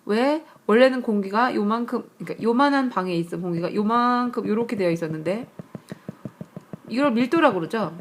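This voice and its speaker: A woman teaching English grammar on a tablet screencast, her voice sitting a little high. She explains patiently, checks in with rhetorical questions and reads each English example slowly and carefully. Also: animated, a little hiss or hum. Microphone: tablet screencast mic.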